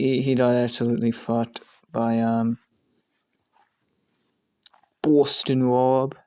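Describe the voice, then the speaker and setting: A man's voice: medium pitch, darkish tone, clean tone, dry recording, lo-fi sound. A man ranking show contestants in casual commentary. He rambles, swears casually, and often trails off and restarts his sentences. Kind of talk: casual commentary while making a tier list.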